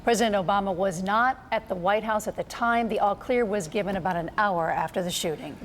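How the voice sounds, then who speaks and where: A woman anchoring the evening news, reading items in a brisk, friendly way. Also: medium pitch, slight background noise.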